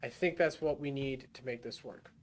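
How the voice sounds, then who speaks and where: At a moderate pace and in a mid-range voice, a livestreamer mutters his way through a rocket game, thinking aloud about each move. His casual gameplay talk is full of fillers and restarts.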